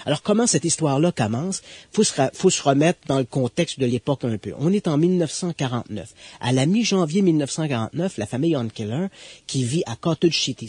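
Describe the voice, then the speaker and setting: Guy, kinda husky, telling a creepy story, dry close mic. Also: mid-range voice, darkish tone, no room sound. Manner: explanatory, builds suspense with emphatic pauses. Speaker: guest expert. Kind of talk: conversational storytelling.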